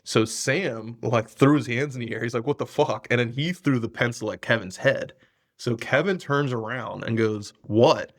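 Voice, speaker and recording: A young man hosting a casual podcast. He tells old school stories with lots of energy, swearing freely and breaking into laughter. His voice sits at an ordinary male pitch. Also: normal speed. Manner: animated storytelling, swears a lot, laughs often. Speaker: podcast host. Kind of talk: casual chat.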